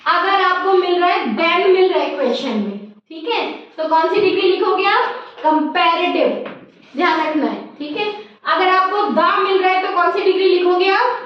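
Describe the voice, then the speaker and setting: A woman with an Indian English accent and a very high voice teaches a grammar class, answering her own questions as she goes. She sounds distant from the mic in a room with a lot of echo. The recording is dull and lo-fi, with faint noise underneath. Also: moderate pace. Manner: asks questions and answers them herself, calls listeners child. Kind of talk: classroom lesson.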